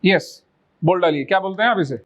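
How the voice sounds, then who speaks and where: A man teaching an English pronunciation lesson, coaxing viewers to repeat words and drilling example sentences slowly. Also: high voice, fairly bright tone, dull audio.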